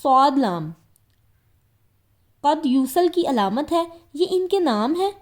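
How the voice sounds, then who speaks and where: High-voiced woman teaching Quran lessons. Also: big pitch swings. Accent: Pakistani Urdu. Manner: patient, repeats each point in simpler words. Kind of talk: explanatory religious lesson.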